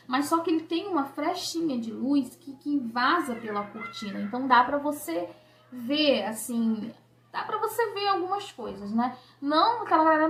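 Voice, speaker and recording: A woman's voice: high-pitched, fairly bright tone, echoey room. A young woman from Brazil, telling a personal story to camera in an emotional, conversational way. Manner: emotional, conversational, many fillers like "né" and "sabe". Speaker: vlogger.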